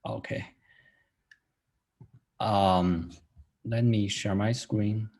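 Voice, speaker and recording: A man's voice: fairly low pitch, drawn-out words, darkish tone. A man presenting technical work over a video call, hesitant with frequent ums and uhs. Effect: heard over a video call.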